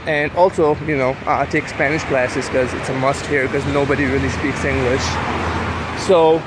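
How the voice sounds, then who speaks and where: Walking down a city street with traffic in the background, a young Urdu-speaking vlogger records himself on a handheld camera. At normal speed in a mid-range, fairly even voice, he chats casually, rambling and full of fillers.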